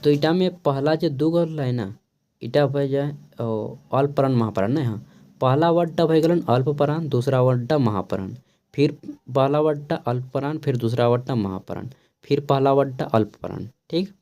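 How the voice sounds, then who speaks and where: A man with a Khortha-inflected Hindi accent teaching an exam-prep lesson, explaining slowly and often checking with a quick "okay". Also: medium pitch, mellow.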